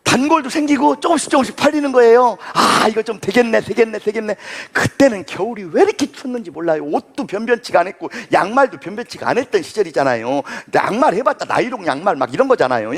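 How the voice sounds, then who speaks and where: A man giving a motivational lecture, telling stories in an animated, folksy, dramatic way. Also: high-pitched, fast, few pauses, slightly rough.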